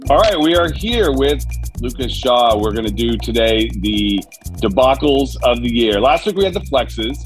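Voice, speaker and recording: A man's voice: medium pitch, animated, normal speed, soft background music, poor audio. A man hosting a podcast with conversational industry commentary, recorded on a tablet's built-in microphone rather than studio gear. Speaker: podcast host. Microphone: tablet's built-in microphone, away from studio.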